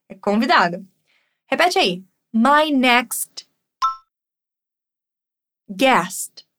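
A Brazilian woman, a native Portuguese speaker, teaching English phrases in repeat-after-me drills, saying each model phrase slowly and explaining quickly in between. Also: high-pitched, a bit bright.

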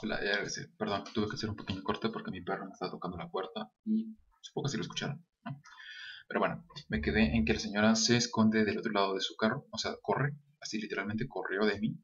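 A young vlogger with a Mexican Spanish accent earnestly shares a personal anecdote straight to camera in a casual way. His voice is fairly low, fast, fairly even in intonation and a bit bright, and the recording sounds dull and lo-fi.

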